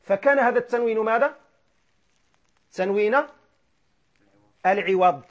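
Male grammar teacher, high voice, quizzes the class and answers himself; dull lo-fi lecture recording. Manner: asks questions and answers them himself; repeats key words and chants Quran verses slowly.

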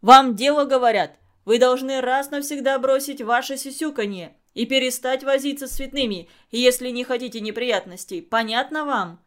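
A woman reading a story aloud, giving voice to a burly, bullying middle-aged man who shouts coarsely. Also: sits high, moderate pace, few pauses, lightly acted. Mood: furious.

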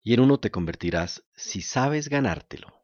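A man voicing a kind, patient, motherly fairy woman who speaks softly and scolds gently. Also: mid-range voice, normal speed, no room sound, lo-fi sound, lightly acted. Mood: gentle. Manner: calm soft-spoken, gently scolding.

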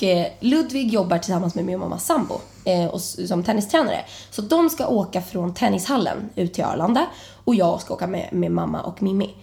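A young woman telling a chaotic travel story in a casual chat, her voice jumping high as she acts out the panic. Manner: animated, jumps to high excited pitch when retelling panic. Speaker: podcast host.

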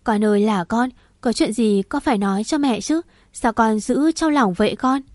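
Give me a gentle, anxious middle-aged mother as a woman reads her, Southern Vietnamese accent, dry recording. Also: on the high side, moderate pace, dry recording, close to an everyday voice. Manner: tender, anxious.

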